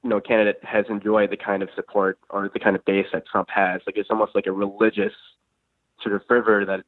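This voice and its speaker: A man's voice: on the low side, level tone, a little fast, no room sound. A man calling in to a radio show, asking his question in a casual, hesitant way that is full of "um" and "like". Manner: hesitant, filler-heavy phrasing with many "um" and "like". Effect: radio show caller heard over a phone line. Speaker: caller to a call-in show. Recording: tinny, dry phone line.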